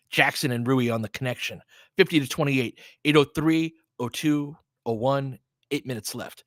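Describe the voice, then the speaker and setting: Calling basketball play-by-play on a fan stream, an American man keeps things informal, chatty and opinionated, mixing in casual fan talk. His voice is mid-range and sharp, recorded dry with studio quality.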